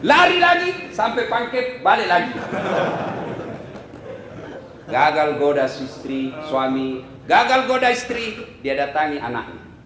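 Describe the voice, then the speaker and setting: A man's voice: a little high, a little slow, long pauses, reverberant, background noise. A man preaching a humorous sermon, telling stories with jokes. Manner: animated storytelling with jokes.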